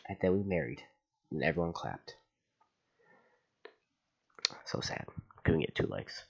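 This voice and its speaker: A man with a fairly low voice reads online posts aloud for his channel. He stops now and then for dry, sarcastic asides. The recording sounds dull and lo-fi. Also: very animated, unhurried, gravelly, breathy edge. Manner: sarcastic asides between readings. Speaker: channel host.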